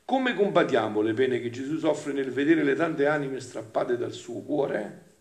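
A friar preaching a sermon, asking rhetorical questions with many "no?" and "eh?", swinging from quiet asides to loud emphatic passages. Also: male voice, medium pitch, lively intonation, measured pace, roomy sound.

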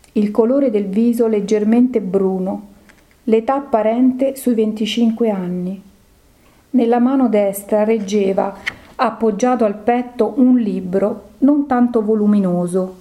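A woman narrating a devotional story in a calm, measured reading voice. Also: medium pitch.

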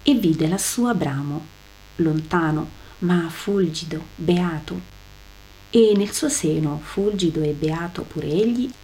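A woman reads a religious text aloud with solemn, emphatic storytelling. Her voice is low and dark in tone, mellow rather than bright. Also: animated, takes it slowly, slight background noise. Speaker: reader. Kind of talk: dramatic reading of a religious text.

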